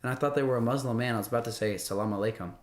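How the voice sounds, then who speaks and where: A man's voice: medium pitch, rapid-fire. A young man hosting a livestream, chatting casually and playfully with his viewers, rambling through questions and answering messages. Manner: rambling, playful, talks to chat. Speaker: livestream host.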